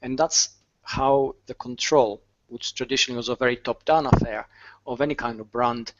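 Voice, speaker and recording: A man's voice: mid-range voice, fairly even intonation, moderate pace. A man joins a panel over a video call, working through his ideas with ums and restarts. His voice sits in an ordinary middle register. The sound is muffled and lo-fi. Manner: thoughtful, with frequent ums and restarts. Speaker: panel guest.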